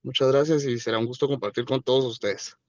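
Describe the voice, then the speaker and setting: A man's voice: mid-range voice, fairly even intonation, fast, no room sound, highs cut off. A man from Guatemala, a lawyer, introducing himself formally and politely on a video call.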